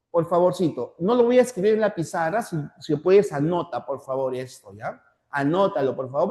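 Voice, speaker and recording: A man's voice: on the high side, a little mellow. Peruvian male teacher, lecturing. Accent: Peruvian Spanish. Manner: repeats key terms, tags sentences with "¿ya?"; slows down to spell out examples. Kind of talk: classroom lecture.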